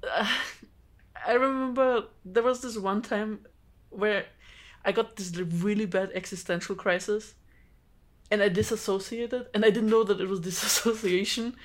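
Speaking at a medium pitch and a moderate pace, a woman from Georgia tells a personal anecdote in her native Georgian during an informal group chat. Laughter and animated bursts punctuate her phrases, and she co-hosts a podcast.

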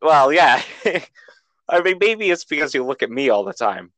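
A man's voice: on the high side, sing-song, normal speed, a bit bright, no echo, low-quality recording. Rambling man joking on a podcast. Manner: rambling, laughs often, stumbles over words. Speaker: podcast co-host. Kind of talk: casual banter.

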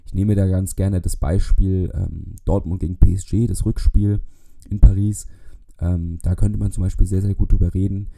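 A man's voice: low voice, little pitch movement, normal speed, vocal fry, mellow. A man hosting a solo podcast, explaining things at length with frequent hesitations. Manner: explanatory, many filler hesitations. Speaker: podcast host.

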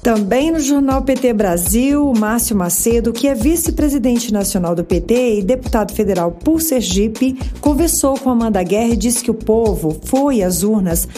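A woman's voice: on the high side, expressive, normal speed, hardly any pauses, dark tone, faint music behind. A Brazilian woman hosting a news podcast, reading scripted links between clips. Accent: Brazilian Portuguese. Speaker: news host.

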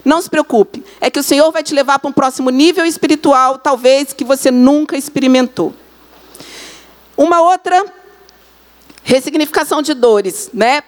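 High-pitched woman pastor, earnest, emphatic preaching style. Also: normal speed. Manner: earnest, repetitive emphatic phrasing. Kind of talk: sermon.

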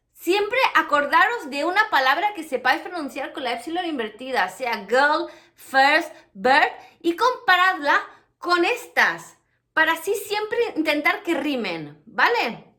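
A woman teaches English pronunciation in a bright, high voice. Her pace is unhurried, and she pauses to model each English word slowly. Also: big pitch swings. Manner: explains with many examples, then models English words slowly. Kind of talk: pronunciation lesson.

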